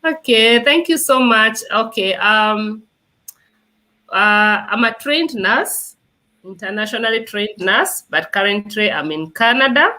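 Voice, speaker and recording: A woman's voice: mid-range voice, animated, a little slow, pushed and bright. A woman in her thirties from Kenya, with a Kenyan accent, chatting as an interview guest about her nursing work and immigration advice, with many fillers. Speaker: guest, nurse and immigration adviser. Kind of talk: conversational interview.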